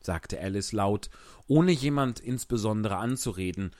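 A man reads a children's story with a lively, expressive voice that rises and falls a lot. The recording is close and dry, with no room sound. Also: on the low side, unhurried, dry recording. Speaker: audiobook reader. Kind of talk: storybook narration with asides.

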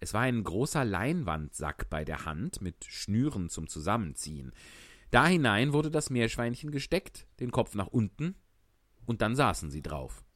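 A man's voice: on the low side, big pitch swings, moderate pace, fairly bright tone, no room sound. A man reading a story aloud, narrating it expressively. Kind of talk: audiobook reading.

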